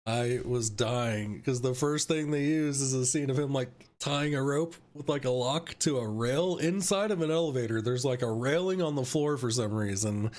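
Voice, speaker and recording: A man's voice: mid-range voice, normal speed, few pauses, darkish tone. A young man hosting a live stream, casually ranting about a film with lots of swearing, laughter and mocking asides. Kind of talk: casual chat.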